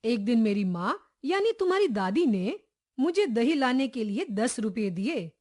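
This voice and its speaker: A woman's voice: on the high side, a little slow. A woman reading a humorous children's story aloud from a school textbook, voicing each character as she goes. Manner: expressive, acts out each character's lines. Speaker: textbook chapter reader.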